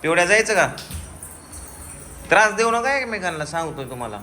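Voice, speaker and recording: A man's voice: sits high, big pitch swings, fairly quick, very noisy. A man making a casual family vlog, talking to viewers and coaxing and scolding small children as he films. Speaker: vlogger.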